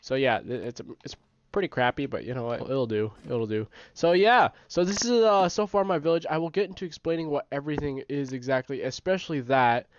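A man with a stuffy nose giving casual, rambling gameplay commentary as the host of his own gaming channel, often correcting himself and getting excited. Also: medium pitch, fairly quick, slight background noise. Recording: dry, slightly dull home recording.

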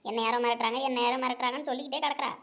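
A woman voicing a sharp-tongued old village grandmother in a cartoon, gruff and scolding. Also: on the high side, fairly even intonation, racing, lightly acted. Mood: worried. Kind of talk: cartoon voice acting.

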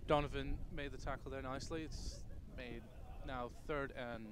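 A man doing live play-by-play commentary outdoors, with quick play calls and agreeable interjections. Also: medium pitch, fairly even intonation, noisy background. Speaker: student sports commentator. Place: outdoors at a sports field. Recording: live crowd in background.

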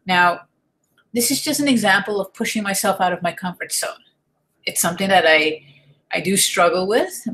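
An online marketing vlogger in her thirties from the United States gives an earnest, encouraging motivational talk into her desk webcam, often restarting sentences. She's indoors at home in a room with a desk and shelves. Her voice is on the low side and fairly bright, and the recording is rough.

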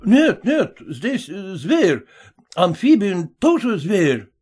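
A man reading an audiobook, voicing a polite foreign porter who speaks slowly, in halting, broken phrases. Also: high-pitched, wildly swooping pitch, a little mellow, breathy edge, pitched above the performer's own voice, exaggerated voice. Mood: patient. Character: polite, patient, slow-talking foreign porter.

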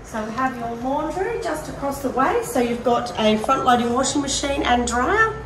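Her high voice very animated at a normal pace, a middle-aged Australian woman enthusiastically and conversationally presents a prize home tour through hard-surfaced apartment rooms. Roomy echo, a distant mic and background noise mark the recording.

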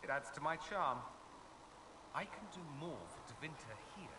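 A proud, wry male mage from a video game, all witty flourishes and theatrical charm, as a man acts him out. His lively voice rises and falls, sitting a touch high. The game audio sounds distant and is buried in loud noise. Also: normal speed, lightly acted.

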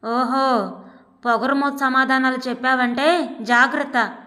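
A woman's voice: sits high, steady tone, unhurried, pushed and bright. A woman voicing a domineering, contemptuous husband who talks harshly and scolds his wife. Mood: bossy, scornful. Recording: long hall reverb.

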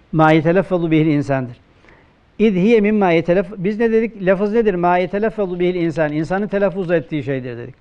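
A man with a Turkish accent, a religious teacher giving a classroom grammar lecture, who poses questions and answers them himself, and slows down to quote texts. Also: sits high, clean tone, muffled recording. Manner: asks questions and answers them himself, slow emphatic quoting.

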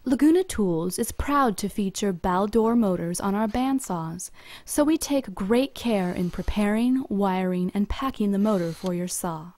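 A woman reading a scripted instructional voice-over in an even, measured, step-by-step manner, recorded apart from the pictured workshop. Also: medium pitch. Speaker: company video narrator.

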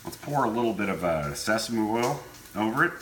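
Deep voiced guy doing a chill cooking demo, kinda offhand, roomy kitchen w sizzling noise behind him. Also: expressive, a little fast, a bit bright. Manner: laid-back, easygoing, offhand. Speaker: home cooking show host. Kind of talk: casual cooking demonstration, talking while working. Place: indoor kitchen. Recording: echoey room with clear kitchen sizzle noise. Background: frying sizzle and stirring.

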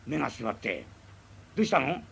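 A man's voice: medium pitch, big pitch swings, fairly quick, a bit bright, slight background noise, pitched below the performer's own voice, heavily acted. A man doing a coaxing Tokyo drinking buddy. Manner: coaxing, teasing banter in rough Edo speech. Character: easygoing, chiding townsman drinking companion. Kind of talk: rakugo storytelling.

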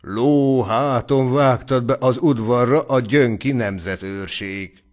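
A man's voice: medium pitch, darkish tone. A man reading a story aloud as an audiobook narrator, in a scripted narration.

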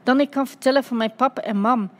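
A woman voicing an excitable young boy mummy who talks in broken grammar. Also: a little high, fast talker, natural voice. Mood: eager. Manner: eager, speaks in broken grammar.

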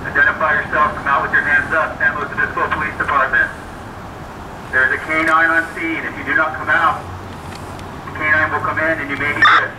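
A male police officer giving loud, formal warning commands through a megaphone. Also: a little high, level tone, a little fast. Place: outdoors on a city street. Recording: echoey loudspeaker voice from far off, noisy street.

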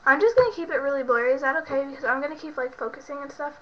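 A young woman, a beauty vlogger who is sick and sounds congested, rambles casually through a product show-and-tell in her bedroom, using lots of fillers. Her high voice is animated and racing. Recorded on a built-in webcam mic, the audio is muffled and lo-fi, with slight background noise.

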